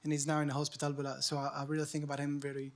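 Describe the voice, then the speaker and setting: A man's voice: on the high side, monotone, rapid-fire. A man with a French accent giving an unscripted acceptance speech on an awards stage, hesitant, with many fillers and restarts. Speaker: award winner, journalist.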